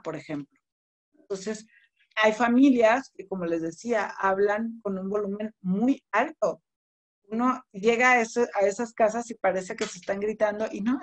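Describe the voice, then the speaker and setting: Give me a Mexican woman teaching public speaking. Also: medium pitch. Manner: conversational, explains with spoken examples. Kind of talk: online class lecture. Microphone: computer mic on a video call.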